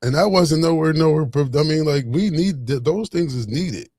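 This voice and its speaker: A man's voice: on the high side, moderate pace, a little mellow, no room sound. A man in his forties telling a story in a casual, rambling monologue full of fillers and restarts. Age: 40s.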